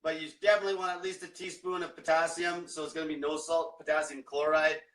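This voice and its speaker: A man's voice: a little high, little pitch movement, fast, a bit bright, echoey room, distant mic. A young man coaching on a livestream, ranting bluntly and swearing constantly. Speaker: diet coach. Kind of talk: livestream rant.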